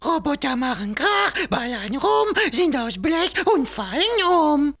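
A forlorn little brown teddy bear pipes up in a very high, trembling squeak. He talks slowly and plaintively, like a toy feeling forgotten. It is a children's audio story. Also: sing-song, fairly bright tone, exaggerated voice. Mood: complaining.

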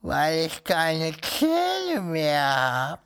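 A woman voicing an old, toothless male crocodile who talks slowly and mournfully in a lowered voice. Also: huge pitch swings, heavy background noise, exaggerated voice. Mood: tearful. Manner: slow, mournful, deepened voice.

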